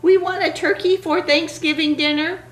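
A woman's voice: extremely high pitch, fairly even intonation, normal speed, echoey room, voice pushed up. A woman voicing a little boy pilgrim who whines and pleads to skip the turkey hunt. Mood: whiny. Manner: pleading, whining. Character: whiny little boy pilgrim, reluctant hunter.

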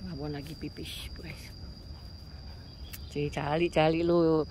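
A woman vlogging outdoors and chatting casually to viewers. She coos and playfully scolds her pets, often calling to them in a high voice. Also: level tone, a little slow. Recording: faint outdoor noise with crickets.

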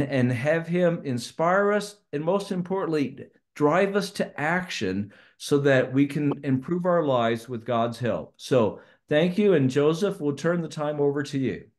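A man's voice: a little high, measured pace. Older man introducing a guest on a call. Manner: relaxed, folksy, with fillers and restarts. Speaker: board member introducing the speaker. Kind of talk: casual introduction on a video call. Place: home room with shelves. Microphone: webcam on a video call.

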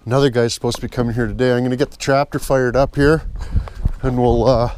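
A man's voice: medium pitch, fairly even intonation, quick pace, background noise. A man hosting his own video, chatting and swearing in joking banter while working outdoors. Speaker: video host. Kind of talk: casual chat while working.

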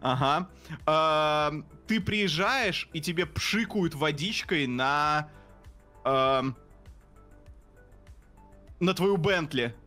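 Chatting casually with friends during a party game, a man explains words in halting, filler-heavy speech with some swearing. His voice is a little high, bright, and forceful, with faint music in the background.

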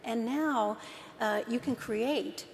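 A woman in her fifties explains her points as a panelist, her voice gravelly with vocal fry. A long hall reverb and a faint hum surround her lapel mic. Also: on the high side, slow pace. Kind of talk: panel discussion. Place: large auditorium stage.

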